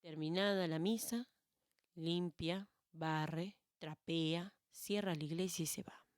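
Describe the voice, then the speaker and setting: A woman's voice: lowish voice, slow, no echo, studio quality. A Peruvian woman storyteller telling a tale expressively. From Peru. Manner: expressive, animated narration. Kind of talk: oral storytelling.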